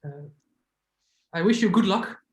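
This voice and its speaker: A committee member congratulating a candidate over a video call, friendly and hesitant with many uhs. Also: male voice, high voice, animated, a little slow, a little mellow. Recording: echoey room on a call.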